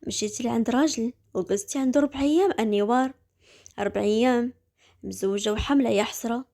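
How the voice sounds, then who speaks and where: A woman with a Moroccan accent voices a furious, jealous young husband, bitter, angry and accusing in a lower pitch. She talks fast, with a creaky, dark tone.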